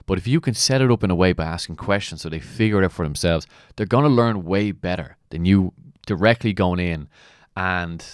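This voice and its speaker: A man's voice: deep voice, fairly quick, dry recording, studio quality. A man speaking as a mentor, giving motivational commentary with emphatic points and rhetorical questions. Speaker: mentor and coach. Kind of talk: motivational commentary on a client testimonial.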